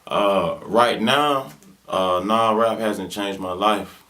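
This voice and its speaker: Responding to interview questions, a twenty-something rapper from Birmingham, Alabama speaks in a Southern US accent with laid-back slang and many fillers. His voice is lowish with a sharp tone, and his pace is slow.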